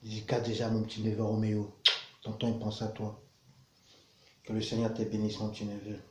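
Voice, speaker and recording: Low, flat-voiced man in his thirties. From Cameroon. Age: 30s. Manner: earnest, halting, repeats words as he searches. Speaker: vlogger sharing his testimony. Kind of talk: prayer and personal testimony. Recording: roomy echo with faint background noise.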